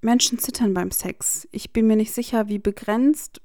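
A woman's voice: medium pitch, steady tone, measured pace, vocal fry, a little mellow, no echo. Regulus, a woman reading a bitter defiant young man. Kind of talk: fan fiction audiobook reading.

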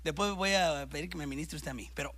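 High, bright-voiced preaching pastor. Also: male voice, quick pace. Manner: animated, swings between loud bursts and hushed asides, keeps calling listeners "hermano". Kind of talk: sermon. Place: church service with a congregation present.

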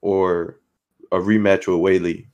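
A man's voice: deep voice, flat delivery, a little slow, darkish tone, dull audio. A man on a casual sports panel, making brief, blunt remarks.

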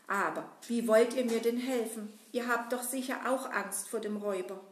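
A woman voicing a gentle, anxious Easter bunny in a children's puppet show, soft and plaintive. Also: fairly high pitch, moderate pace, natural voice. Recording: roomy echo.

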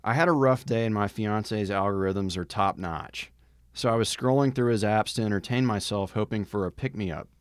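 Low-voiced man reading a story aloud. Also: moderate pace, smooth, dry recording, studio quality. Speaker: podcast co-host.

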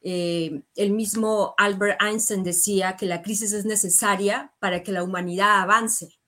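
A woman hosts a podcast talk. She affirms what her guests say and moves the chat along with open questions. Her pitch sits in the middle for a woman. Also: steady tone, measured pace, sharp tone. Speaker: host.

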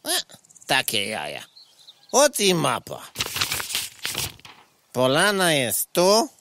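A man playing a courteous, homely rustic snail in a comic radio play, rambling along in a folksy, unhurried way. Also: medium pitch, wildly swooping pitch, background noise, heavily acted.

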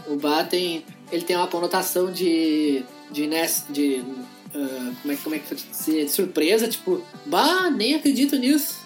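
A woman with a gaúcho accent talks on a podcast in a fairly low voice. She hesitates and searches for words as she chats, with faint music behind. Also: steady tone, moderate pace, a little mellow. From Rio Grande do Sul. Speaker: podcast guest. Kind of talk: casual chat.

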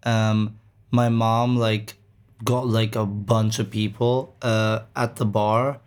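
A man's voice: on the low side, little pitch movement, slow, clear, resonant tone. A man from Greece hosting a music show, chatting casually between songs in a rambling way, with lots of fillers and casual swearing. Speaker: radio show host.

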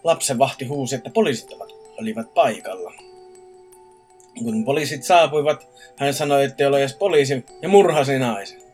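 A man's voice: medium pitch, animated, darkish tone, faint music behind. A man co-hosting a casual podcast, reading scary stories aloud stiffly, with slips and restarts. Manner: reads stiffly with slips and laughs.

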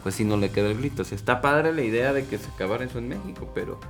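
A man's voice: mid-range voice, expressive, rapid-fire, soft background music. A Mexican man co-hosting a casual political chat, sarcastic and rambling, with many restarts. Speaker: political commentary co-host.

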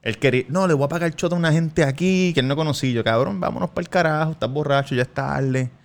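A man's voice: a little high, fast talker. A man from Puerto Rico with a Puerto Rican accent, telling a story on a casual podcast among friends, swearing freely and acting out voices. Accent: Puerto Rican Spanish. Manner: animated, swearing, acts out voices in his story. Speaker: podcast co-host.

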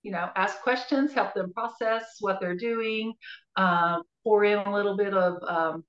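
A woman's voice: mid-range voice, unhurried. Older woman coach, roomy dull audio. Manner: relaxed, rambling with many fillers. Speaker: business and life coach guest. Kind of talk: casual interview conversation.

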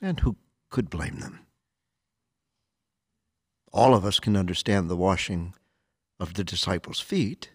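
Slow, solemn man preaching in church. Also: low voice, animated, husky, no echo, clean studio sound. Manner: solemn, deliberate, with pauses and rhetorical repetition. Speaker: priest or deacon reading the Gospel and preaching. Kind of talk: liturgical scripture reading and homily.

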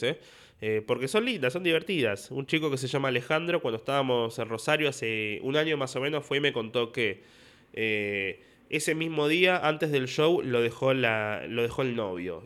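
A man's voice: mid-range voice, fairly bright tone. A young man with an Argentine accent, a stand-up comedian hosting his podcast and telling stories from his shows with acted-out dialogue. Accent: Rioplatense Spanish. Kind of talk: casual podcast monologue.

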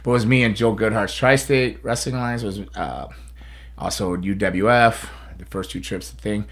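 A man's voice: on the low side, steady tone, normal speed. A man hosting a casual chat in a rambling storyteller's way. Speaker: podcast host, pro wrestler.

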